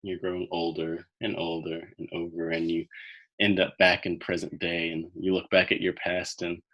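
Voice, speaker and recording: A man coaching listeners through a guided visualization, speaking slowly and soothingly, with soft trailing phrase ends. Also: low-pitched, monotone, muffled recording.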